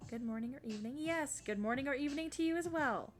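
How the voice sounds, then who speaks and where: A woman streaming live, chatting casually with viewers, rambling and self-deprecating, sniffling, bursting into excited greetings as she reads the chat. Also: high voice, fast talker. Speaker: streamer debuting a virtual fairy-empress persona.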